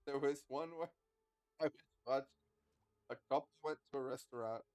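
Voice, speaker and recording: A man's voice: mid-range voice, normal speed, a little mellow, smooth, no room sound, poor audio. A man streaming a game, chatting casually and rambling between moves, swearing now and then. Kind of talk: casual gameplay chat.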